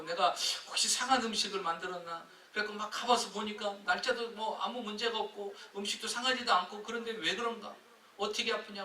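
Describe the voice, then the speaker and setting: A man preaches a sermon, spinning a lively story and acting out its people. His voice is fairly high and very bright, with a sharp edge, and it rings through a big echoey hall from well away from the mic. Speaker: pastor. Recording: echoey church hall from a distance.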